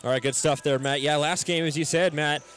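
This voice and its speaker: A US play-by-play announcer with a slightly high, steady, somewhat bright voice hosts a college basketball pregame show at a brisk clip. Over soft background music, he reads a scripted welcome to listeners, then runs through stats with a few fillers.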